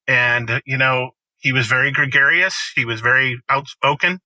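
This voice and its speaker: Bright, forceful man telling stories. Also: medium pitch, normal speed, dry recording, rough recording. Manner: storytelling, emphatic, animated quoting. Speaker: farmer, guest. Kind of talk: conversational interview.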